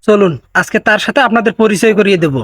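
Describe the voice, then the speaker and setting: A man's voice: sits high, quick pace, fairly bright tone, a little hiss or hum. A man hosting a comedic roast video, teasing and sarcastic in tone. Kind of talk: mocking comedic roast narration.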